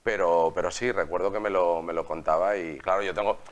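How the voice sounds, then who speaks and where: A man's voice: low-pitched, a little fast. A man in his forties, from Spain, telling personal stories as an interview guest in a small TV studio, with a lapel mic. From Aspe, Alicante, Spain. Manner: storytelling, lively, emphatic hand gestures. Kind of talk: conversational interview.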